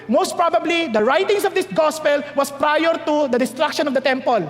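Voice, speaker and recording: A man with a Filipino accent preaching a sermon, teasing and animated as he mixes in English. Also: very high voice, normal speed. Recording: long hall reverb.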